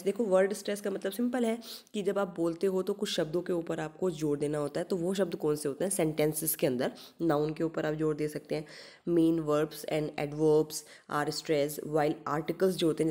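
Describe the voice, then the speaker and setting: A young woman teaches an exam-prep lesson in a low, mellow voice. She explains patiently, poses questions and answers them herself, and slows right down to read English definitions. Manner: reads English definitions slowly.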